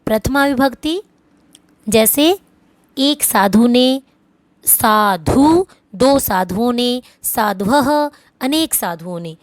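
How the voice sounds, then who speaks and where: A woman teaching a Sanskrit grammar lesson, explaining slowly and reciting the word forms. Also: on the high side, animated, no echo.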